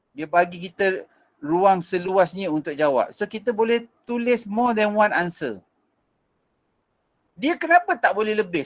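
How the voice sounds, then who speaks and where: A Malaysian man teaching an online physics revision class, mixing in English, with frequent fillers and restarts. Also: high voice.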